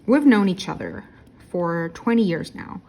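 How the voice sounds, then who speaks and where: A woman's voice: lowish voice, sing-song, measured pace, noisy background. Tired, rambling woman in her thirties. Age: 30s. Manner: rambling, self-correcting, many fillers. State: tired, yawning. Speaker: diamond painting vlogger. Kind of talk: casual chat.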